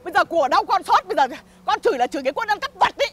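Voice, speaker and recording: Shrill ranting village mother. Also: expressive, rapid-fire, a crowd in the background. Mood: indignant. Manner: shrill, ranting, rhythmic cursing. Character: loud, hot-tempered village mother ranting at thieves. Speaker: village woman cursing a thief. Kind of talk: comedy sketch acting.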